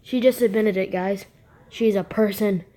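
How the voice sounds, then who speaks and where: A woman's voice: medium pitch, fairly even intonation, moderate pace, over loud music. A woman giving casual reaction commentary in a sceptical, mocking manner. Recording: noisy home recording with clicks.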